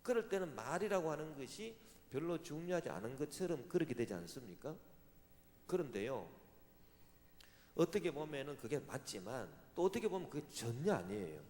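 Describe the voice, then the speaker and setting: A man with a Gyeongsang accent preaches in a church sanctuary, his pitch leaping high and dropping low as he acts out other voices. His voice rings with the long reverb of a large hall. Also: moderate pace. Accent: Gyeongsang Korean. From Gyeongsang Province, Korea. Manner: animated preacher, mimics voices and asks rhetorical questions. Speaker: senior pastor. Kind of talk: sermon.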